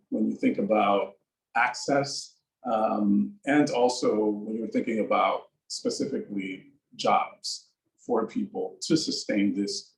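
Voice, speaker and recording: Man, from the Bronx, panelist, low-pitched, measured, pauses and fillers, echoey sound. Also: vocal fry. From the Bronx, New York. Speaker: farm founder, panelist. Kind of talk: panel introduction. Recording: roomy echo.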